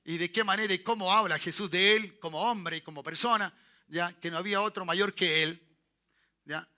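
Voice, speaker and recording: A man, pastor of a church, preaching a sermon and checking in with his congregation through short tag questions, often repeating and restarting phrases and rising into loud bursts of praise. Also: high voice, normal speed. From Chile.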